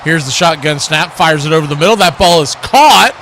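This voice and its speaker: Animated and fairly quick, the man's slightly high, fairly bright voice comes through with a little hiss or hum. He's a play-by-play commentator and watch party host calling a live American football game radio-style in snappy short phrases loaded with colourful action verbs.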